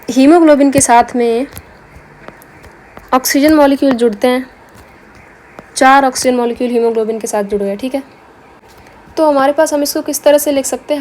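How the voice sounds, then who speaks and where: A woman's voice: high-pitched, a little mellow. A woman teaching biology in a lecture, asking herself rhetorical questions and answering them, with terms. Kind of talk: explanatory lecture.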